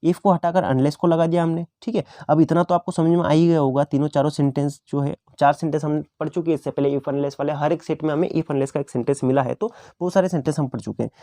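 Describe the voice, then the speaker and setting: A man teaching an exam-prep English grammar lesson in Hindi, asking himself questions and answering them, slowing down to read English examples. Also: a little high, steady tone, mellow, dry recording, clean studio sound.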